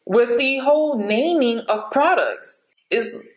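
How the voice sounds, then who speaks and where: A woman's voice: fairly high pitch, lively intonation, takes it slowly, reverberant, poor audio. A woman in her late thirties chatting frankly to camera as a beauty vlogger, laughing now and then. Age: 30s. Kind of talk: casual chat to camera.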